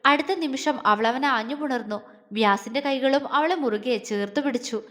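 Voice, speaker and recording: A woman's voice: high voice, normal speed, a bit bright. A woman storyteller reading a romantic audio series in a dramatic, emotive way. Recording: long hall reverb.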